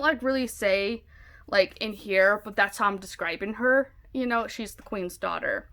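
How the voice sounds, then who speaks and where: A woman's voice: mid-range voice, sharp tone. Chatty woman rambling about books. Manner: chatty, rambling, many fillers like "like" and "um". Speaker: book vlogger. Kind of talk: casual chat. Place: home, with a dog nearby.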